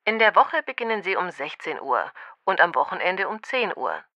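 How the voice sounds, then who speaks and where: A woman's voice: fairly low pitch, big pitch swings, moderate pace, pushed and bright, dry recording, lo-fi sound, heavily acted. A woman playing a helpful, businesslike restaurant manager in a language-course dialogue, speaking courteously.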